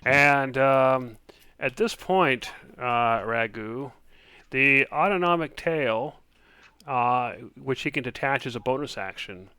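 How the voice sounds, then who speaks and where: A man narrating as game master, describing actions and dice rolls in a relaxed way with many fillers. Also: medium pitch, takes it slowly, smooth, no echo.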